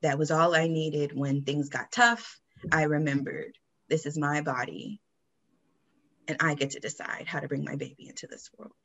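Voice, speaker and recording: A woman's voice: low voice, normal speed, gravelly, fairly bright tone, breathy edge, muffled recording. Woman, podcast co-host, casual chatty storyteller, easy laughs. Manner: frequent fillers like "like" and "you know".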